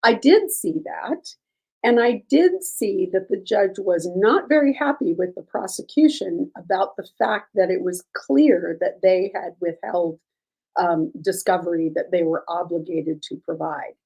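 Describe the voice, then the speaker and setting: A woman's voice: lowish voice, dark tone, breathy edge. A woman host with a scratchy voice, chatting casually on a livestream about court cases and answering chat questions, with many ums and restarts. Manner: many ums and restarts, measured legal opinions.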